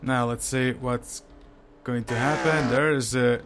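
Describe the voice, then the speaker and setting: A man giving live sim racing commentary, hesitant and full of fillers, unsure of the order and bursting into excitement at incidents. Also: mid-range voice, slow pace, background noise. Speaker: race commentator.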